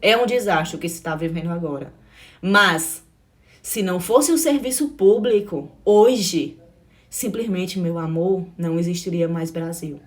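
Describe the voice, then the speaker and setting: A woman's voice: on the low side, unhurried. A middle-aged Brazilian woman teaching exam prep in a passionate, blunt pep talk, repeating herself and swearing now and then. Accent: Brazilian Portuguese. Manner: emphatic and blunt, repeats phrases, calls listeners "meu amor", swears.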